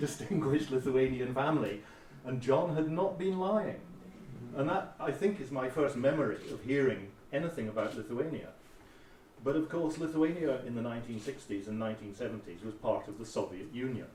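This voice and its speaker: A man's voice: mid-range voice, a little mellow, a little hiss or hum. A Scottish man with an Edinburgh accent, in his sixties, telling anecdotes with wry humour as a panelist at a roundtable. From Scotland. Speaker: panelist historian. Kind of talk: roundtable discussion. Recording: roomy hall from far off.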